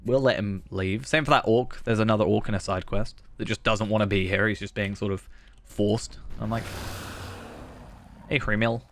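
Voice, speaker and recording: A man's voice: lowish voice, fairly even intonation, a little fast, faint music behind. A man giving casual commentary on a game he plays, rambling and musing aloud. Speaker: gaming video host.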